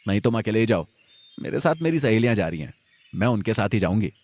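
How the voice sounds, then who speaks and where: A man's voice: on the low side, very animated, fast, a little mellow. A man voicing a bossy village girl. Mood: chiding. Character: teenage village girl, bossy younger sister.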